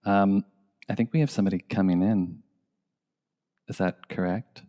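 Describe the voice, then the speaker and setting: A man's voice: sits low, steady tone, normal speed, warm tone. A man co-hosting a podcast in casual chat, with a playful, teasing way of talking. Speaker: podcast co-host.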